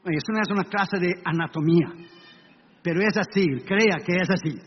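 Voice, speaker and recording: A man's voice: high-pitched, brisk, slightly rough. A male pastor preaching a dramatic sermon, telling the story emphatically and imitating sounds aloud. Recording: echoey hall, dull lo-fi sound, faint hiss.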